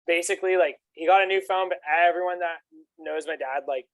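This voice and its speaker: A man's voice: high voice, fairly even intonation, a little fast, no room sound. Laughing young man telling a rambling story. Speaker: podcast co-host. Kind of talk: casual chat.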